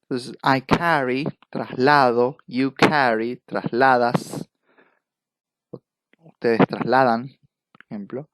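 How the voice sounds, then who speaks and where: A man with an Argentine Spanish accent teaching English grammar in a recorded lecture, going slowly and patiently through each verb form. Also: mid-range voice, steady tone, fairly bright tone, rough recording. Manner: slow, patient, repeats verb forms one by one. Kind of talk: recorded lecture over slides.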